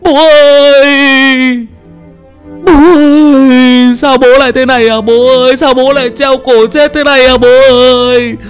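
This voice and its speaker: A man's voice: very high-pitched, steady tone, a little slow, clear, resonant tone, faint music behind, pitched above the performer's own voice. A man voicing a grown son who screams and sobs in grief over his father. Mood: anguished wailing. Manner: screaming, sobbing cries.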